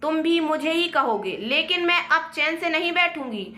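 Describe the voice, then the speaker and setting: A woman voicing an angry, quarrelsome young wife who shouts accusations, in a roomy echo. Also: high voice, lively intonation, normal speed.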